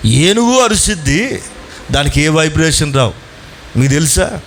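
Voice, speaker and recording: A man preaching a Sunday sermon as pastor, putting questions to his listeners and pressing them to answer, drawing some lines out slowly and rushing through asides. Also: on the high side, expressive, vocal fry, a bit bright, slight background noise. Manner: asks the congregation questions and urges answers; swings between slow emphatic lines and fast asides.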